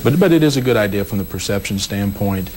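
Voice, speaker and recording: A man's voice: lowish voice, expressive, quick pace, a little mellow, slight background noise, rough recording. A man, a state legislator and former prosecutor, explaining his views on a panel, often repeating words as he thinks. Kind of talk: panel discussion.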